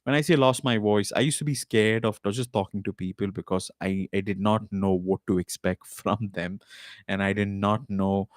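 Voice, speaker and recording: A man's lowish, steady voice comes through at normal speed as he hosts a podcast live stream, speaking loosely and casually with many fillers and restarts. He talks into a desk mic at a home recording setup, and the sound is clean studio quality without echo.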